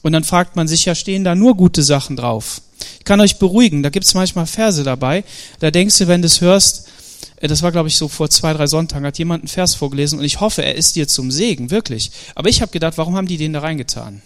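A man preaching a Sunday sermon in a lively, animated way, with frequent fillers and hesitations. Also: a little high, fast. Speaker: pastor.

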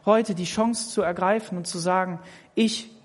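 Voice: mid-range voice, steady tone, normal speed. Emphatic preacher in a reverberant church hall. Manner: emphatic, repeats words when pressing a point; addresses listeners directly as "du". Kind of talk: sermon.

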